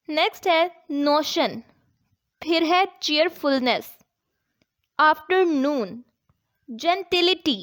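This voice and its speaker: A woman teacher explaining an exercise, spelling words out letter by letter and reading answers aloud. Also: sits high.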